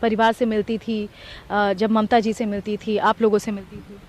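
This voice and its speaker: A woman's voice: medium pitch, flat delivery, moderate pace, darkish tone. A woman TV news reporter asking probing questions in an earnest manner, with small hesitations.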